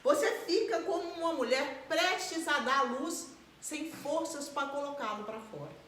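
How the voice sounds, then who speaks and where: A woman preaching a live sermon in an animated way, acting out the voices of people she describes. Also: high voice, unhurried, a little hiss or hum. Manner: animated, acts out quoted voices and laughs. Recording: echoey room.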